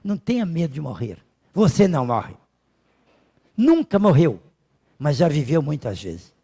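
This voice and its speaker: A man with a Brazilian accent giving a spiritist lecture, telling stories in a casual, animated way. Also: fairly high pitch, a little slow, breathy edge. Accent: Brazilian Portuguese. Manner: animated, colloquial storytelling with acted quotes.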